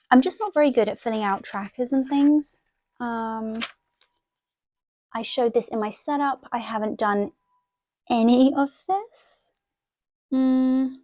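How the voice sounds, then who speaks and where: A woman with a warm, medium-pitched voice, recorded dry, rambles casually while presenting something to viewers in a laid-back show-and-tell. She makes planner and journaling videos, comes from a half Thai, half Italian heritage, and grew up speaking Thai first.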